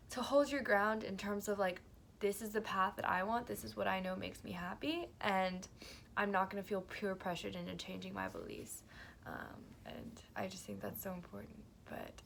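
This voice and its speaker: A young woman musing aloud in a reflective vlog, soft-spoken and halting, her words padded with fillers. Her voice carries a steady gravelly fry, with a faint hum of room noise underneath. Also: mid-range voice. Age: young adult. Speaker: college student vlogger.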